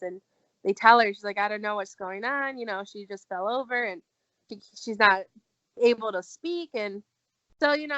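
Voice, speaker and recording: A woman's voice: a little high, no room sound. A young woman tells a personal story as a guest, chatting casually. She voices the people she quotes as she goes. The recording is dull and lo-fi, with a dry room. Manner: animated, acts out quoted dialogue.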